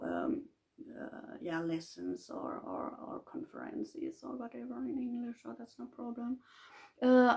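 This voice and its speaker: A native Finnish speaker with a Finnish accent, this woman talks off the cuff as a polyglot vlogger. Her mid-range voice carries vocal fry, and she sounds hesitant, searching for words as she goes.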